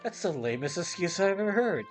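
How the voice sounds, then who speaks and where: A man's voice: high-pitched, very animated, fairly quick, faint music behind, voice pushed up. Indignant fiancée, read out by a man. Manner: reads the game dialogue aloud with mild scolding emphasis. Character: indignant woman scolding her fiancé.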